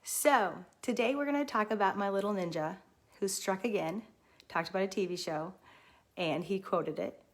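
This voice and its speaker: A middle-aged woman who runs a daycare, chatting casually and excitedly on a livestream. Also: mid-range voice, normal speed. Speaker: daycare owner.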